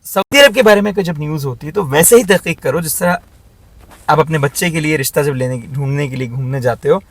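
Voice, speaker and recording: A man's voice: on the high side, a little fast, breathy edge, dry recording. A man hosting his own channel, delivering an emphatic, blunt commentary that scolds his critics. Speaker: channel host. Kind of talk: opinionated commentary vlog.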